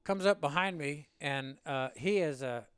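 A man in his seventies from Illinois, a veteran telling a war story in an interview, rambling and animated. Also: fairly high pitch, unhurried, clean tone, dry recording, studio quality. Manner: rambling and animated, with laughs and acted-out quotes. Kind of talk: oral-history storytelling.

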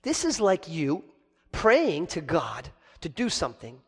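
A man's voice: fairly high pitch, a little slow, slightly rough. A male pastor preaching a sermon, telling stories animatedly and asking the congregation rhetorical questions. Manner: animated storytelling. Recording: long hall reverb.

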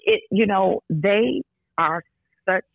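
A woman's voice: mid-range voice, animated, takes it slowly, gravelly, no echo, faint music behind. A woman singer speaking as an interview guest, earnest and enthusiastic. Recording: tinny phone line.

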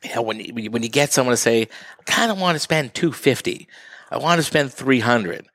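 A man's voice: mid-range voice, lively intonation, moderate pace, a bit bright, dry recording, clean studio sound. A man as the guest in a casual interview, explaining at length and acting out what buyers say. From northeastern Massachusetts. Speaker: real estate guest.

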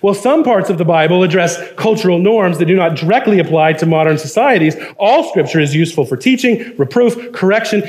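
A man's voice: on the high side, a little mellow. A man preaching a sermon, earnest and emphatic, reading quotations aloud and building to firm points. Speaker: pastor.

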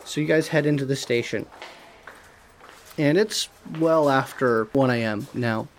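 A man's voice: mid-range voice, unhurried, slight background noise. A man running a tabletop role-playing game as game master, narrating the scene in a loose, casual way.

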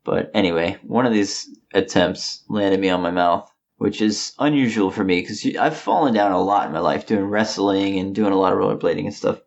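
A man's voice: low voice, brisk, gravelly, highs cut off. A man in his late twenties, chatting casually as podcast co-host, with a slight lisp as he rambles through a story. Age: late 20s. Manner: slight lisp from knocked-out teeth. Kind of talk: casual chat.

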